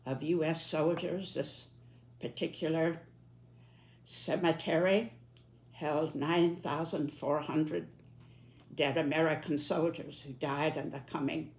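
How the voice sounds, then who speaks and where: This is a very old woman, in her nineties, with a somewhat low voice. She talks at a very slow, deliberate pace. Her reflective commentary is solemn, with emphatic stress on the phrases that matter. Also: slight background noise. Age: 90s. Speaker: elderly commentator reflecting on history and politics. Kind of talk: reflective spoken commentary to listeners.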